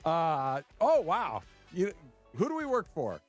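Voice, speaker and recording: A man's voice: fairly high pitch, wildly swooping pitch, slow pace, faint music behind. A man co-hosting a casual sports radio show, dry and wisecracking.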